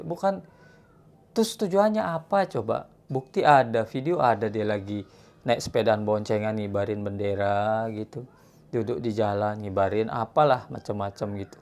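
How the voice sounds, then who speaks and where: A man from Indonesia who lives in Japan, giving an earnest, scolding commentary to his viewers in a casual vlog. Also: medium pitch. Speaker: vlogger living in Japan.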